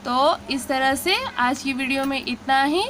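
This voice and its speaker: A woman teaching a Hindi lesson in a high, bright voice. She talks slowly and patiently, repeating syllables one by one in a drill. A faint hum of noise sits under the recording. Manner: patient, drawn-out syllable drills with frequent "theek hai". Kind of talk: slow spoken lesson.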